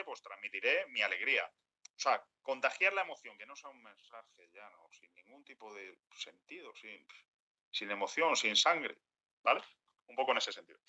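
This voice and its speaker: A man leads a workshop talk for a group, his tone strikingly bright and forward. He often acts out what people might say. The recording sounds dull and lo-fi. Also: mid-range voice. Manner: acts out quoted speech, animated. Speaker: workshop speaker. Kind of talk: lecture to a group.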